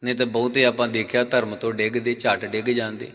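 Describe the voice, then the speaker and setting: A male Sikh preacher delivering a sermon with a bright, forceful voice. He poses questions and answers them himself, and he slows down to chant the scripture lines. His voice rings out with a long reverb trailing behind it. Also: medium pitch, flat delivery.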